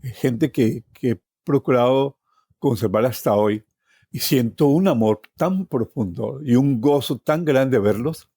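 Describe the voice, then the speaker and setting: With plucked guitar music behind him, a Colombian journalist in his sixties recounts a personal story as a guest, speaking Colombian-accented Spanish in a conversational way. His mid-range voice is mellow, husky and a little slow, recorded dry with clean studio sound, and he repeats phrases for emphasis, tagging them with questions.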